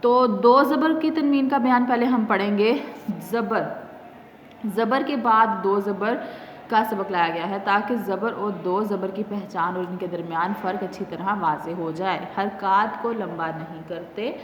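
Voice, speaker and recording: A woman's voice: mid-range voice, a little hiss or hum. Pakistani woman teaching Quran reading, echoey. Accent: Pakistani Urdu. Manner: slow, drawn-out drill of each letter with its sound; patient explaining with frequent fillers. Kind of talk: recorded Quran reading lesson. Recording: echoey, dull lo-fi classroom recording.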